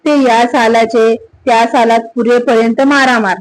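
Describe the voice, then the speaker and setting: A woman's voice: fairly high pitch, steady tone, unhurried, poor audio. A woman storyteller narrating a village folk tale expressively.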